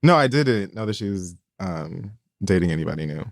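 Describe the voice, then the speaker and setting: A man's voice: sits low, very animated, moderate pace, vocal fry, no room sound. Podcast guy joking around, sarcastic, swears a lot, dry mic. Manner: sarcastic, jokey, swears freely. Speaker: podcast co-host. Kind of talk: casual chat.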